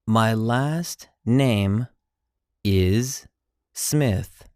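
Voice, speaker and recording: Teacher voice for phrase drills: slow, chunked repetition, dry close sound. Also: medium pitch, a little mellow, no echo. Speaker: language teacher.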